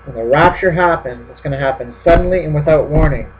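A man's voice: fairly high pitch, fast talker. A man preaching a sermon in an explanatory way, often checking in with his listeners. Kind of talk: sermon teaching on prophecy. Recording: tinny phone-like line with mains hum.

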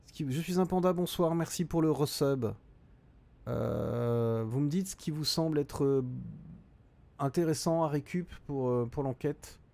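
A man's voice: fairly high pitch, a little slow, mellow. A middle-aged man streaming a game live, reading out chat and thinking aloud with frequent hesitations.

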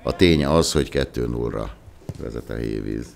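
Casting: bass-voiced male local football commentator, unhurried and reflective. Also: vocal fry.

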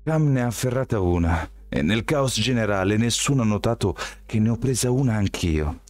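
A jittery, defensive teenage boy, as a male reader voices him, pitched well above the reader's own deep voice. His timbre is pushed thin and strange, and he talks in an unsure, edgy manner. An audiobook character voice in a dry recording. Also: lively intonation, normal speed, a little mellow, no echo, close to an everyday voice. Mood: nervous. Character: nervous, jumpy teenage boy.

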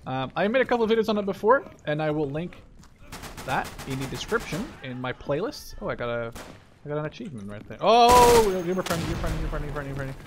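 A gaming YouTuber with a slightly high, very animated voice rambles fast through casual gameplay commentary, drifting easily off track. Loud shooter-game gunfire, artillery, and explosions fill the noisy background.

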